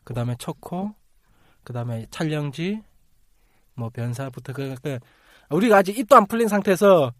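A man with a slightly raised voice hosts a relaxed podcast chat, laughing easily and breaking into quick impressions of other people. The sound is dry and close, with no room echo. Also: a little high. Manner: chatty, laughs often, mimics others. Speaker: podcast host. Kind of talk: casual chat.

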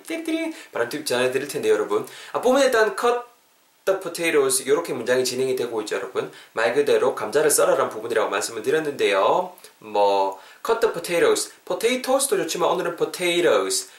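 A young man, hosting a podcast English lesson in a lively, chatty way and repeating phrases slowly for practice. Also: medium pitch. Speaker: English teacher and podcast host. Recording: roomy echo.

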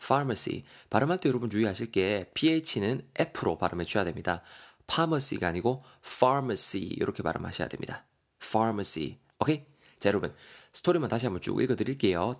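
A man's voice: lowish voice, animated, fairly quick. A man teaching English vocabulary on a podcast, friendly, spelling words letter by letter.

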